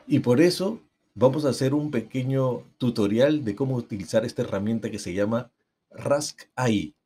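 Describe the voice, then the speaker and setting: A man narrating a screen tutorial in a calm, explanatory way. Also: medium pitch, normal speed, heavy background noise. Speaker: tutorial host.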